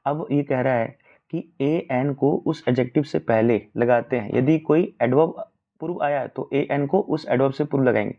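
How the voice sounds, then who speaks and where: A man's voice: mid-range voice, moderate pace, vocal fry. A man teaching an exam-prep grammar lesson. He keeps asking his listeners questions and then answers them himself. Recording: dull lo-fi recording.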